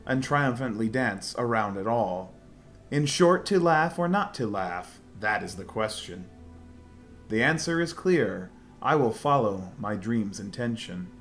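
A man voicing an earnest, polite young princess from a video game, reciting rhymed lines in a stagy, measured way. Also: medium pitch, a bit bright. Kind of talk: reading game dialogue aloud in character.

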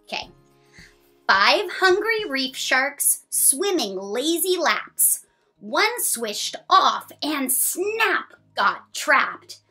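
This woman, in her thirties, has a voice that sits high, and faint music can be heard behind her. She reads a children's picture book in an expressive, sing-song way, drawing lines out and counting along.

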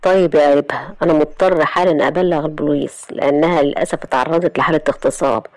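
A woman's voice: deep voice, steady tone, rapid-fire, a little mellow, no echo, close to an everyday voice, poor audio. Woman voicing a stern, scolding male doctor. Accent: Egyptian Arabic.

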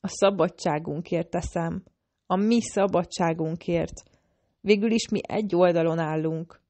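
A scheming male assassin talks in a low, persuasive, urgent tone, as a woman reader voices him. He is read in a slightly low, even voice, close to plain audiobook narration. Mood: pleading.

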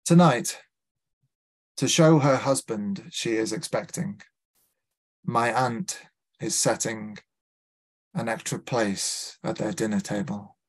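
Scouse guy reading his poems at a lit fest, lowish voice, takes it slow, few ums between poems. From Liverpool, England. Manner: measured, deliberate reading with small hesitant fillers between poems. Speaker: poet. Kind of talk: live poetry reading with spoken introductions. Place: literary festival event.

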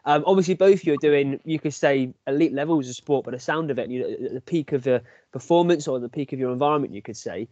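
A man's voice: medium pitch, fast, few pauses, warm tone, no echo. A man in his thirties hosting a webinar on a video call, friendly and asking questions. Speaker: host of the webinar. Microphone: laptop webcam, video call. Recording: dull dry webcam sound.

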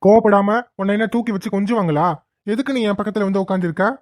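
A woman voicing a quick-tempered young man in a cartoon, with a snappy, scolding manner. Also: medium pitch, darkish tone, no room sound, clean studio sound, natural voice. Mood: angry. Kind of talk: cartoon voice acting.

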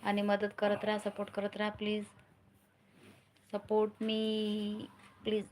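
A woman's voice: mid-range voice, completely flat delivery, measured pace, darkish tone, slight background noise. A middle-aged woman from Maharashtra, chatting casually on a live stream and repeatedly urging viewers to join and comment. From Maharashtra, India.

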